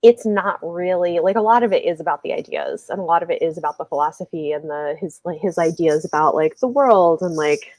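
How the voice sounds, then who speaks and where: A woman hosts a laid-back book discussion on an indoor livestream video call, working through her thoughts aloud in a meandering way with lots of fillers. As a live show host, she talks briskly with few pauses in a lowish, slightly mellow voice, with no echo.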